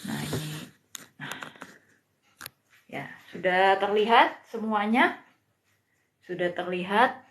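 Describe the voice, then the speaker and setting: A woman's voice: mid-range voice, lively intonation, takes it slowly, pauses often, a bit bright, a little hiss or hum. A woman teaching a live-streamed Mandarin lesson, patient and greeting viewers by name.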